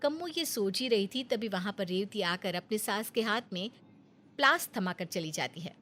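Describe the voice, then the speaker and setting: A woman narrating a storybook tale in a steady, plain manner. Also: mid-range voice, normal speed.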